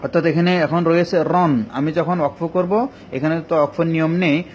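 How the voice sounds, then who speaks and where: A male teacher giving an online Quran recitation lesson, explaining each rule patiently and step by step with many pauses. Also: a little high, fairly even intonation. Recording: dull lo-fi recording with faint ambient noise.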